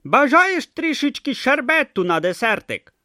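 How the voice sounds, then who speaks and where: A man's voice: very high voice, sing-song, a little slow, sharp tone, dry recording, clean studio sound, voice pushed up, heavily acted. A man voicing a shifty male street vendor with oily, coaxing sales patter in an audiobook.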